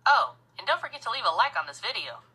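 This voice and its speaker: A woman's voice: mid-range voice, sing-song, quick pace, bright, forceful tone, husky, full character voice. A woman voicing a friendly green stick-figure robot making a chirpy announcement. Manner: chirpy, promotional.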